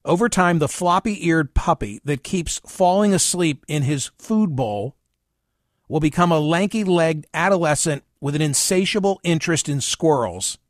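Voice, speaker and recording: A radio talk show host reads the news aloud and comments on it conversationally, using emphatic, dramatic pauses. His voice is a little high, and the clean studio sound has no room sound.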